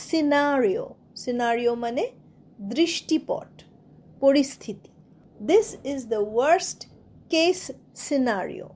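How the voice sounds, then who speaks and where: Female teacher, high pitch, unhurried letter-by-letter spelling delivery. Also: darkish tone. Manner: spells words letter by letter, example sentences read very slowly. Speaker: English pronunciation teacher. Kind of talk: Bengali-language English vocabulary lesson.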